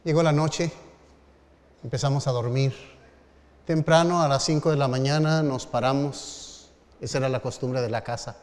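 Middle-aged man, pastor, storytelling sermon, medium pitch, long hall reverb. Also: fairly even intonation, darkish tone. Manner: measured, dramatic pauses, rising emphasis.

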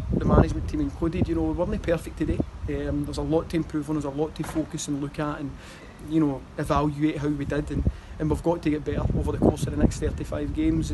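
Heavy background noise surrounds a Scottish man in his thirties, a football manager speaking after the match outside beside a stadium wall. He rambles in runs marked by fillers and restarts, his voice on the high side.

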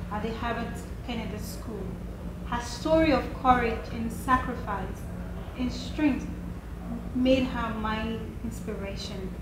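A young woman hosting a talk-show interview, effusive and admiring, often restarting her sentences. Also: fairly high pitch. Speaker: host. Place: wood-panelled office, indoors. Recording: roomy, with clear background noise.

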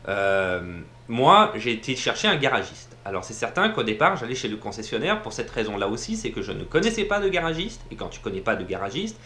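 A man's voice: mid-range voice, big pitch swings, brisk, sharp tone, reverberant, a little hiss or hum. A man giving casual advice in a vlog, chatty and full of fillers, restarting sentences and laughing at himself. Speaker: vlogger. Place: home in Montreal area.

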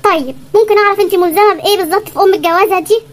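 In an animated Egyptian comedy sketch, a performer with an extremely high, racing, fairly bright voice plays an exasperated young man, a put-upon fiancé. He grumbles sarcastically in an Egyptian Arabic accent.

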